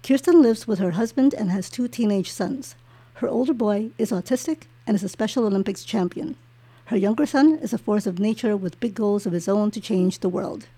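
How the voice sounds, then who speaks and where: A woman hosting a podcast, her voice mellow and a little husky. She reads the guest introduction smoothly, then turns to soft, encouraging questions. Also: mid-range voice, normal speed. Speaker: podcast host. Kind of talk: scripted introduction and interview.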